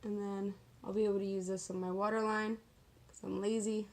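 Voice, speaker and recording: A woman's voice: medium pitch, flat delivery, fairly quick. A woman giving a casual, chatty get-ready-with-me makeup tutorial, talking in a sassy, slangy, self-deprecating way. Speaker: makeup vlogger.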